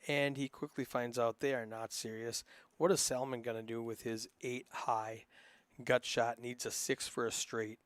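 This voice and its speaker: Man with a northern Minnesota accent, loose chatty poker play-by-play, mid-pitched voice, dry close sound. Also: flat delivery, normal speed, smooth, no echo. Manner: casual, chatty, rambling with frequent fillers. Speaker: poker commentator. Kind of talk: live poker play-by-play commentary.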